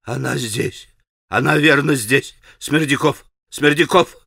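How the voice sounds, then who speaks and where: A man's voice: moderate pace, sharp tone, no room sound, clean studio sound, full character voice. A man reading an audiobook voices a frantic, greedy old father who shrieks and chokes on his words. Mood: hoarse whisper. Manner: shrill, breathless shrieking.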